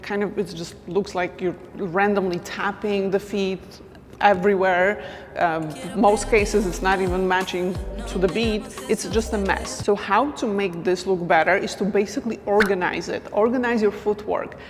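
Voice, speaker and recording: A woman's voice: medium pitch, fairly even intonation, normal speed, music in the background. Woman dance teacher chatting thru moves, counting beats under her breath, echoey room. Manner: counts beats softly while demonstrating. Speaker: dance instructor. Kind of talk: casual instructional talk.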